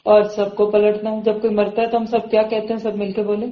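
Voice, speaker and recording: A woman giving a religious lecture on the Quran, speaking gently and acting out the quoted lines. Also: medium pitch, level tone. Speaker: Quran teacher. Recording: echoey, dull lo-fi sound.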